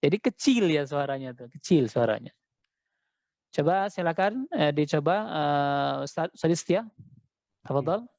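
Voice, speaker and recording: A man teaching Quran recitation in an online class, chanting verses slowly and then explaining them quickly, heard over dull call audio. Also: a little high, animated, a little mellow, no room sound. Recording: dull, lo-fi dry sound.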